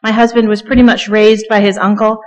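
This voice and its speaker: A middle-aged woman, a guest preacher, delivers a chatty, joking sermon from the pulpit of a church sanctuary, saying um often. Her mid-range voice is level and fairly quick, carried by the long reverb of the hall.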